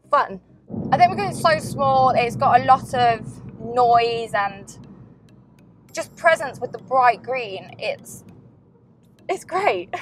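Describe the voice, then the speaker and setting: A woman's voice: a little high, slight background noise, rough recording. A woman, chatting enthusiastically through a car review while driving.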